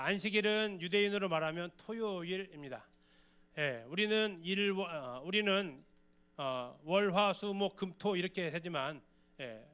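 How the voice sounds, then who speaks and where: A man's voice: sits high, sharp tone. A man giving a church Bible lecture, explaining in a conversational way and often asking the audience questions.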